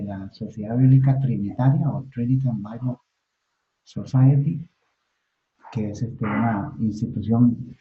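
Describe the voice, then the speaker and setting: A man teaching biblical Hebrew in a recorded class, talking haltingly with many fillers and tag questions. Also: medium pitch. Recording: echoey room over a phone-like line.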